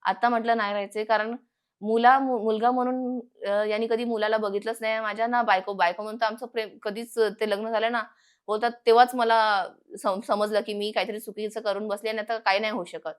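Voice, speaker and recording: Young woman, fairly high voice, earnest, halting, repeats herself for emphasis, personal story. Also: level tone, smooth. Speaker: podcast guest.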